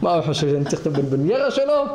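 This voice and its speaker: A man voicing a scornful high-voiced governor. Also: big pitch swings, a little mellow. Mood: scornful scolding. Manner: scolding, scornful. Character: angry proud male city governor. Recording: echoey room, faint noise.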